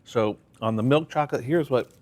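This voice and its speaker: A man on live shopping TV pitching his family's chocolates, enthusiastic and proud. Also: fairly quick, darkish tone. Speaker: chocolate company guest on shopping TV. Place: TV studio.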